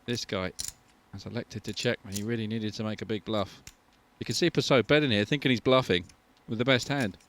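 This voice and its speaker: A man's voice: on the low side, brisk, few pauses, slight background noise. A man doing conversational commentary on a poker tournament, chatty and analytical, often tossing in tag questions.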